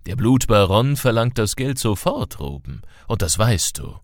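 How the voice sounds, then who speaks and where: A man voicing a flamboyant, excitable male dealer in an audiobook, with exaggerated, theatrical pleading. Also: fairly low pitch, a little slow, no echo, clean studio sound. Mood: indignant. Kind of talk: audiobook character reading.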